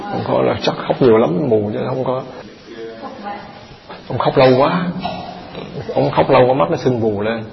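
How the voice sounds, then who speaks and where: A man's voice: mid-range voice, normal speed, gravelly, long pauses, a crowd in the background. A man, a Buddhist monk giving a chatty dharma talk and quizzing his live audience. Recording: echoey hall, dull lo-fi sound.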